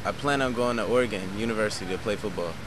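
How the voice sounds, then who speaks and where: A young man answers interview questions in a relaxed, plain-spoken way. Cars and street noise pass clearly behind him outdoors. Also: fairly low pitch, quick pace. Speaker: student athlete. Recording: outdoor traffic, cars passing.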